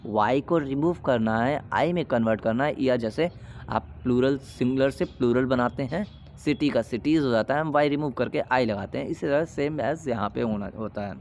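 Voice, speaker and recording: A man teaching an English grammar lesson, explaining in Hindi and reading English rules slowly, with an Indian accent. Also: mid-range voice, darkish tone, slight background noise.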